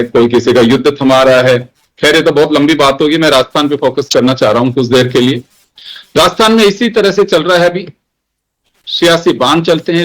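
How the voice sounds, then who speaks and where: A male news host leading a studio panel. His voice sits a little higher than most men's, and he sets up the discussion with emphatic, rhetorical phrasing. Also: low-quality recording. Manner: emphatic, rhetorical framing of the topic.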